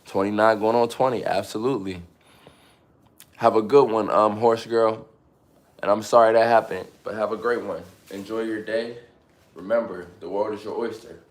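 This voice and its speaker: A low-voiced man in his late twenties chats casually on a live stream, speaking at a moderate pace with fairly even intonation. He leans on fillers like "you know what I mean" and "you know what I'm saying," repeating his motivational lines more than once. The room he's in sounds noticeably echoey.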